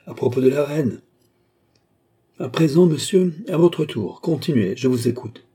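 An audiobook reader giving voice to a calm, courteous but mocking count who poses as a seer, slightly above his narrating pitch. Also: moderate pace, natural voice. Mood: calm, ironic. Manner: smooth, courteous, quietly mocking. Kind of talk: audiobook character reading.

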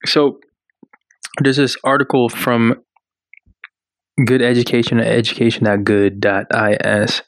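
A man co-hosting a radio talk show at a studio mic, with a dry, close sound. He chats casually and reads article passages aloud in a halting way, with plenty of fillers. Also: mid-range voice, little pitch movement, no echo. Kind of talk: casual chat.

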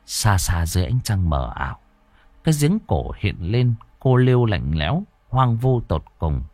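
A male storyteller narrates a ghost story in a low voice with lively, swinging pitch. His dramatic delivery is close-miked and dry. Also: normal speed, dry recording.

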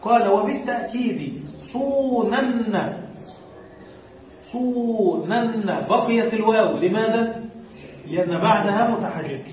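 A man teaching a classroom lesson, explaining each rule step by step, stretching out example words slowly and quizzing his students. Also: high-pitched. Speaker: teacher of Arabic morphology. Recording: echoey room, distant dull lo-fi mic.

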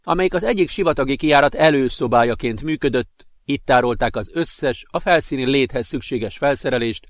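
Man, audiobook narrator, calm even delivery, mid pitch, dry recording. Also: dry recording. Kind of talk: scripted narration.

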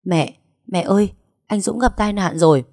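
Một người phụ nữ đọc truyện lồng tiếng một cô con gái trẻ vừa khóc vừa nói lắp bắp. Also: female voice, fairly low pitch, normal speed, darkish tone, dry recording, clean studio sound. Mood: tearful. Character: young daughter, tearful and panicked.

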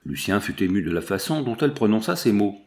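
A man narrating a classic novel as an audiobook reader, measured and steady. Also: lowish voice.

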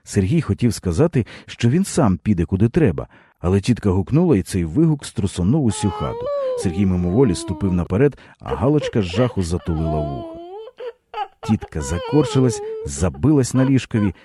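A man narrating a literary story in an expressive, dramatic reading. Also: on the low side, fairly quick.

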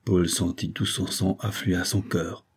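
A man narrating a classic novel as an audiobook, in a measured, formal storytelling manner. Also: low voice, flat delivery, slightly rough. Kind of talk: scripted narration.

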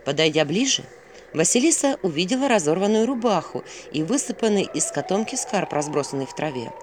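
A woman narrating a fairy tale in an expressive storytelling manner. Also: fairly low pitch, fairly quick, slight background noise. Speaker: audiobook narrator.

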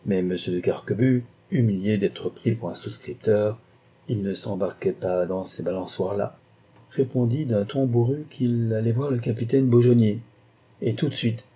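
A male audiobook narrator reading a classic novel in a measured, steady way. His voice is low and very dark, with a husky texture.

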